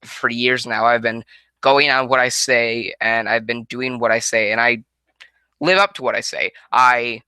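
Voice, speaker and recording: This nineteen-year-old from Connecticut, USA wanders through a casual Q&A monologue for viewers, often restarting and correcting himself as he goes. Speaking on a headset mic in a small room at home, he has a mid-range, steady voice that's a little slow, pushed and bright, and clean. There's no echo, but the recording is rough.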